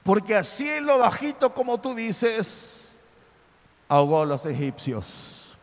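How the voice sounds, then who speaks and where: An excited little boy, eager and repeating himself, told in a high, soft voice by a man preaching. The words ring out with a long hall reverb. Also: slow, exaggerated voice.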